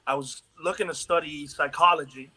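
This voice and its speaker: A man being interviewed over a video call tells his life story in a loose, casual way. His voice is a little higher than most men's and bright in tone. He is from Miami. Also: fairly even intonation, fairly quick, poor audio. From Miami, USA. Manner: easygoing storyteller, uses "bro" and "dude". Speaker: guest actor.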